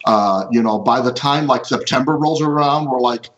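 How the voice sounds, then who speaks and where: A man's voice: mid-range voice, moderate pace, a bit bright. A man co-hosting a podcast, chatting casually and enthusiastically. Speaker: podcast co-host. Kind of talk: casual chat. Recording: dull, lo-fi microphone sound.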